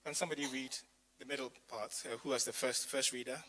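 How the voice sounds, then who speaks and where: A fast-talking male pastor with a mid-range, steady-toned voice that sounds pushed and bright preaches a chatty sermon with personal stories in a church community hall. He makes asides to the congregation and says he lost his voice, which comes through strained. The recording is rough.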